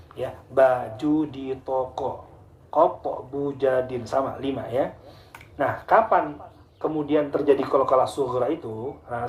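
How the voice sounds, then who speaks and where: Patient Indonesian teacher in an echoey room. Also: male voice, a little high, darkish tone. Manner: patient, repeats and chants Quranic examples slowly. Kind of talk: tajwid lesson for students.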